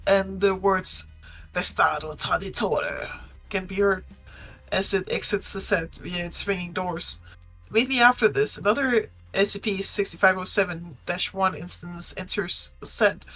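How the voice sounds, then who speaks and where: A woman's voice: mid-range voice, bright, forceful tone, poor audio. A woman reading a fictional document aloud, live, in a plain manner with small hesitations. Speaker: co-reader.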